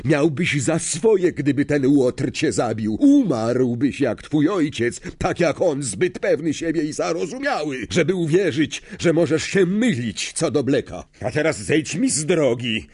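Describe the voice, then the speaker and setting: A man voicing a bitter, vengeful male wizard teacher who hisses and shouts with a manic edge in an audiobook. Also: medium pitch, huge pitch swings, slow pace, few pauses, breathy edge, dry recording, pitched above the performer's own voice, heavily acted. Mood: gloating. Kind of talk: audiobook character reading.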